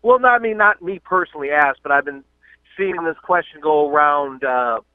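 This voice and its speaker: A man's voice: fairly high pitch, moderate pace, smooth, no echo. A man from the southern US calling in to a radio show by phone. He talks hesitantly, with many uhs, and trails off when pressed. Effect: calling in over a phone line. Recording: dry, tinny phone line.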